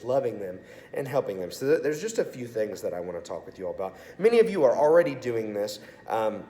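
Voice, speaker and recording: In a reverberant, echoey room, a man serving as assistant pastor of student ministry gives an upbeat, informal video message to youth. His mid-range voice is a little mellow, though congested and sore-throated.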